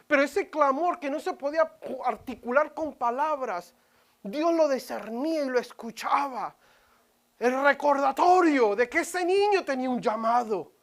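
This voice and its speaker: A woman preaching a sermon in church, dramatic, swinging from loud cries to hushed whispers. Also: high-pitched.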